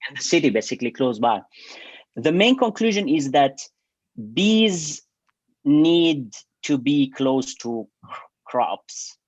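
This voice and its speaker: A man's voice: fairly high pitch, very animated, takes it slowly, darkish tone, no room sound, highs cut off. A man from Syria, explaining his bee research in an interview with many hesitations and restarts. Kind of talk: interview answers.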